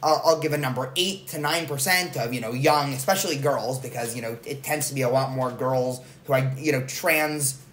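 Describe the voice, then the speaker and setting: A man hosts a relaxed podcast chat, wandering through his points, backtracking and filling gaps with fillers. His mid-range voice sits in a roomy, echoey space with a faint hiss under it. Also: mid-range voice, moderate pace, few pauses. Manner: rambling, self-correcting, with frequent fillers. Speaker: podcast host. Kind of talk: casual conversational interview. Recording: roomy echo, faint noise.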